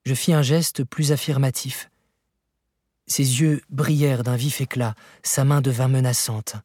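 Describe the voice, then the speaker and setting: A man reading a novel aloud in a measured, even storytelling manner, with a husky voice. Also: mid-range voice, no echo, clean studio sound. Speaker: audiobook narrator. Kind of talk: scripted literary narration.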